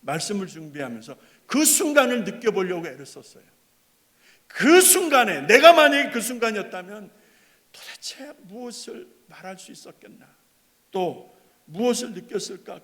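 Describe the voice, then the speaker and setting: A man preaching a sermon as pastor, dramatic, swinging between loud bursts and hushed tender lines. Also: sits high, big pitch swings, normal speed. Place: church sanctuary. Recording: long hall reverb.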